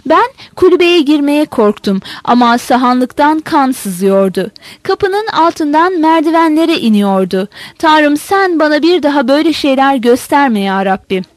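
A woman's voice: sits high, very animated, measured pace, few pauses, no room sound. A woman voicing a stammering, frightened village woman. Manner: stammering, sobbing account.

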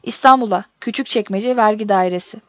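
A woman voicing a gruff, blunt older teenage boy in a read-aloud story. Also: mid-range voice, fairly quick, no room sound, lightly acted. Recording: dull dry recording.

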